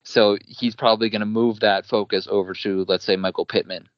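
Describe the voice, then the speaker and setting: A podcast guest with a New Jersey accent talks football picks confidently and at length. His voice sits very low. The recording is dry and dull, like a basic home mic. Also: little pitch movement, brisk, no room sound. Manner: confident, talkative, many fillers. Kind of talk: casual sports betting chat.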